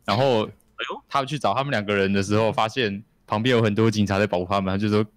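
A man's voice: fairly low pitch, fairly even intonation, fast talker, no echo. A male streamer narrating his turn of an improvised group story, with chuckles.

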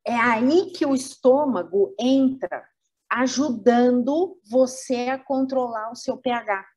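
Slow, husky Brazilian woman lecturing. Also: on the high side, warm tone. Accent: Brazilian Portuguese. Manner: didactic, rhetorical questions, acts out organs. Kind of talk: webinar lecture.

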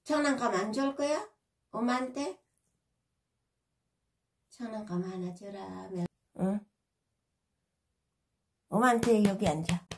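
A woman's voice: medium pitch, takes it slowly, pauses often. Woman scolding her pet, far from mic. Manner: scolding, repeating simple commands. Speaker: pet owner vlogger. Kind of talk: talking to a pet. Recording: roomy, from a distance.

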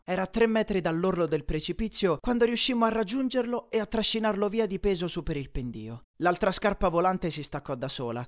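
A man reading a first-person audiobook in a dramatic manner, dropping low and quiet on tense lines. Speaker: audiobook reader.

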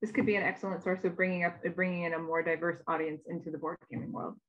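A woman's voice: lowish voice, fairly even intonation, fast. A woman moderating a conference session over a video call, reading out audience questions with frequent fillers. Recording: dull lo-fi video call audio.

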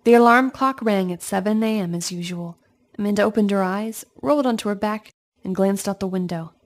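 A woman reading a children's storybook aloud in an expressive storytelling manner, speaking to young listeners. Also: medium pitch, brisk. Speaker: storybook reader.

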